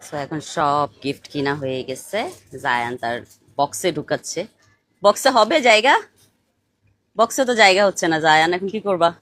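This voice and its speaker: A woman's voice: deep voice, normal speed, pauses often, a bit bright. A young woman, narrating a casual family vlog and coaxing her son with short questions. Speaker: vlogger and mother.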